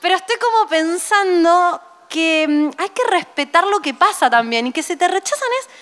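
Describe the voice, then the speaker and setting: A woman in her late thirties speaks with a Rioplatense Spanish accent in a high voice. She tells stories in a chatty, animated way as a podcast co-host. A long reverb hangs on her voice. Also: normal speed. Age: late 30s. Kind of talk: casual chat.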